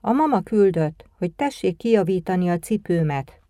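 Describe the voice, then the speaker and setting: Timid young boy, pleading, unsure, read by a woman with a mellow, dry voice. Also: lowish voice, lively intonation, no echo, close to an everyday voice.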